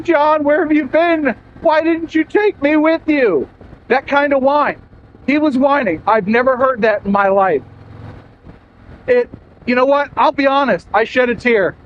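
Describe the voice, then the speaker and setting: A man talking loudly to camera while riding a motorcycle, raising his voice over the wind. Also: extremely high pitch. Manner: loud, yelling over wind noise. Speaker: motorcycle vlogger. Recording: muffled sound with faint engine and wind noise.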